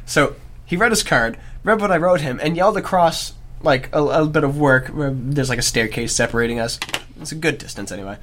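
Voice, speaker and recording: A man's voice: fairly high pitch, brisk, fairly bright tone. A young man from Canada hosting a podcast in casual chat, rambling and restarting his sentences. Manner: rambling storyteller, trails off and restarts. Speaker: podcast host.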